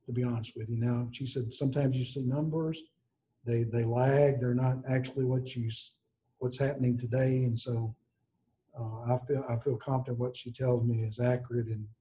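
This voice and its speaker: A school district director gives board meeting remarks over a video call from an office, speaking earnestly and haltingly with many restarts. His voice is mid-range and warm, but the audio quality is poor.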